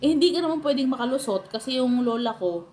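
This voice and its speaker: A woman's voice: high-pitched, animated, fast talker, darkish tone, a little hiss or hum. A woman with a Filipino accent chatting and telling family stories to her live stream viewers, laughing often. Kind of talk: casual live stream chat.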